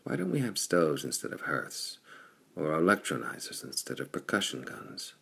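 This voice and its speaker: A determined red-haired space pirate chief, read by a man in a very deep voice with a gravelly, husky edge. He speaks earnestly and resolutely, like a figure from a pulp audiobook. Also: huge pitch swings, normal speed, fairly bright tone, full character voice. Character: bold red-haired pirate chief, adult male, defiant.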